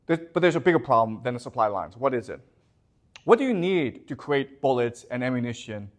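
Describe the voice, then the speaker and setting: A man's voice: mid-range voice, big pitch swings, fairly quick. A man lecturing a class as a professor, often repeating words and constantly checking that the students understand.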